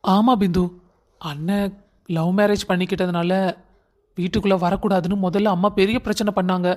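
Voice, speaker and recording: A man voicing a calm, reassuring young husband who explains family matters in a cartoon story. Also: sits high, moderate pace, lightly acted.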